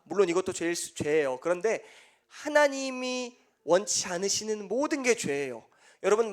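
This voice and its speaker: A young man preaching a sermon to a congregation. He keeps asking the listeners questions and then answers them himself, dropping soft and low on the key answers. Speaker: evangelist preaching.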